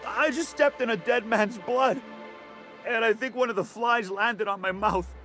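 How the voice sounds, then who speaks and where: Horrified, sick to his stomach townsman in a video game, high voice, faint music behind. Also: a little slow, pushed and bright, heavily acted. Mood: nauseated horror. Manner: nauseated horror. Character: panicked, queasy man who found a corpse.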